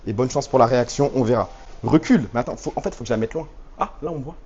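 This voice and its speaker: A man's voice: medium pitch, lively intonation, fast talker, a little mellow, dull audio. A man live streaming on a handheld phone rig, bantering in slang with his viewers and reading their chat messages aloud. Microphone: handheld phone rig with stabilizer.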